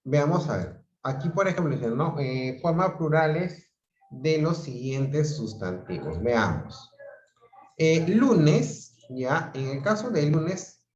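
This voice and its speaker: A male teacher gives an online grammar class in an unhurried, deliberate way, pausing to check that students follow. His voice comes through roomy and a little muffled, like dull lo-fi video call audio. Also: mid-range voice, a little mellow. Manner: explains patiently, checks in with "¿ok?" and "¿no?".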